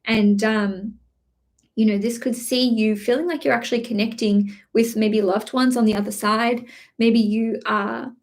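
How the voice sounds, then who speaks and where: A woman's voice: fairly high pitch, fairly even intonation, moderate pace, a little mellow. A woman giving a chatty live-streamed horoscope reading, with many fillers, restarts and a slight cough. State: slight cough, throat clearing. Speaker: astrology reader.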